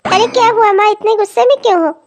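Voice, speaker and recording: A woman's voice: very high voice, fast talker, darkish tone. A woman voicing a greedy younger married daughter in a cartoon comedy, who keeps demanding more from her mother. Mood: wheedling. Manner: demanding, wheedling.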